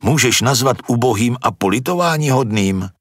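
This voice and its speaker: A man's voice: fairly low pitch, animated, fairly bright tone, breathy edge, dry recording, studio quality. A man voicing a brash, impatient young man who scoffs and argues, in a storybook reading.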